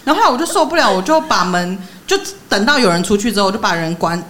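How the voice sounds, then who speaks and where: A young woman co-hosting a podcast, telling a story in an animated way and laughing often. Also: mid-range voice, fast. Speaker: podcast co-host. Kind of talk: casual chat.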